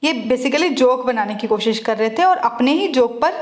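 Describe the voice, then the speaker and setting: A woman teacher explaining an English play in Hindi. She reads the English lines slowly. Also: fairly high pitch, lively intonation, reverberant.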